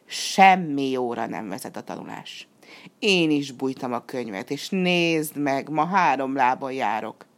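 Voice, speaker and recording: A woman voicing a sly, flattering female fox in a storybook reading, with a sweet, wheedling, drawn-out way of talking. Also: very deep voice.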